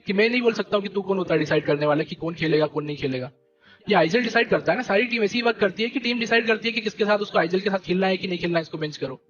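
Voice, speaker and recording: A young man leading a gaming team, ranting to his stream viewers in an animated, indignant way and repeating fillers. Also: high voice, very fast, lo-fi sound, music in the background. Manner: animated and indignant, keeps repeating "theek hai" and "bhai". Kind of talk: heated live-stream rant.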